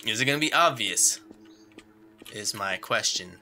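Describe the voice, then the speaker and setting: This horror-game let's player has a lowish, pushed and bright voice with lively intonation and a measured pace. He mutters to himself and is jumpy, letting out yelps and screams at each scare while faint music plays behind him.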